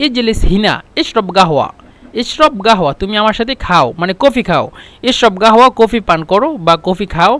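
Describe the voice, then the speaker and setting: A man's voice: high voice, fairly bright tone, dry recording. A man teaching spoken Arabic phrases in a casual lesson, repeating each phrase and explaining it with small hesitations.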